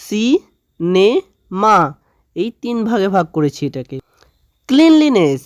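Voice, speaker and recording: A woman teaching a grammar lesson for children, slowly sounding out words syllable by syllable and often checking in with her students. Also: mid-range voice, a little mellow. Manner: slow drawn-out spelling of words, syllable by syllable; frequent "okay?" check-ins with students.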